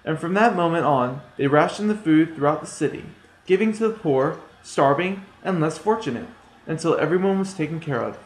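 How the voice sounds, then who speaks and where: A man telling a fairy tale in a plain, somewhat hesitant storytelling manner. His voice sits fairly high for a man. The room has a strong echo. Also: lively intonation, a little fast. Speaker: storytelling student. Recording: echoey room.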